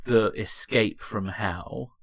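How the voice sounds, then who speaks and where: A man with a somewhat low voice co-hosts in a casual, conversational style. His delivery is informal, moving between questioning and banter. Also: slow, creaky. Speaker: podcast co-host. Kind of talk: casual chat.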